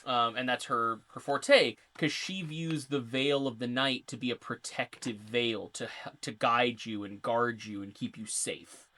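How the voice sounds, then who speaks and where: A man's voice: medium pitch, steady tone, unhurried, few pauses, sharp tone. Male podcast co-host, casual, rambling lore explainer. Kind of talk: casual chat.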